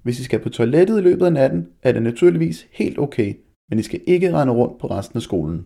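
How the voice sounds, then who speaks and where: A man's voice: medium pitch, sing-song, gravelly, mellow, pitched above the performer's own voice. A man reading aloud voices a woman teacher giving firm, caring instructions. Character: kindly woman teacher Yvonne.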